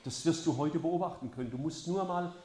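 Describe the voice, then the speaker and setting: An older man preaching a sermon with passion, his delivery swinging from soft and intimate to loud and urgent. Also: on the high side, brisk, slight background noise. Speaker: pastor. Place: church hall. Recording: echoey church hall.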